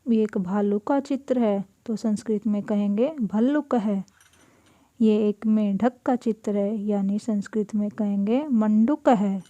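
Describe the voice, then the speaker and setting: A woman teacher going through a school lesson, saying each word slowly and giving its meaning. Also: mid-range voice, warm tone, no echo, muffled recording. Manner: slow, deliberate, repeats each word and gives its meaning. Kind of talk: classroom lesson explaining Sanskrit words in Hindi.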